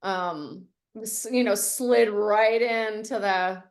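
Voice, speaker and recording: A woman's voice: mid-range voice, slow pace. A middle-aged woman from Canada, telling her story as a guest in a casual interview, full of "like" and "you know". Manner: chatty, lots of "like" and "you know".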